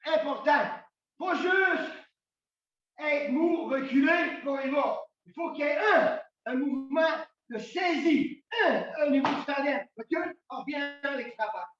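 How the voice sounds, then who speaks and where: Québécois man, karate instructor, high slow shouted commands, far off in echoey dojo. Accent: Québécois French. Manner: calls counts in Japanese, loud commanding, explains between drills. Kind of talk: shouted martial arts class instruction. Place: large dojo hall. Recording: echoey hall, from far off, dull.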